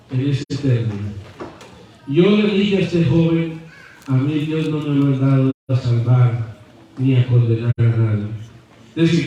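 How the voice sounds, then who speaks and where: A man's voice: on the high side, warm tone, muffled recording, slight background noise. A man preaching a sermon as pastor, telling stories with humorous asides and building to fervent passages. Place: church sanctuary. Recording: very echoey church from far off.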